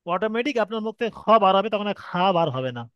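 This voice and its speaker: A man's voice: high-pitched, expressive, quick pace, smooth, no echo, lo-fi sound. A man with a Bengali accent teaching Arabic letter reading, patiently explaining step by step and stretching sounds to demonstrate. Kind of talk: online Quran reading lesson.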